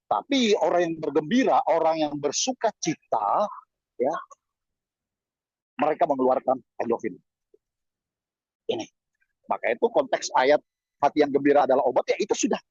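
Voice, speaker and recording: A man in his fifties preaches with a slightly raised, husky voice, leaping upward in pitch to stress a point and dropping into chatty asides. The recording is dull and lo-fi, with a close, dry sound. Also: normal speed, long pauses, dry recording. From Indonesia. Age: 50s. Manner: lively, swings pitch up for emphasis, chatty asides. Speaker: pastor. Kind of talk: sermon over video call.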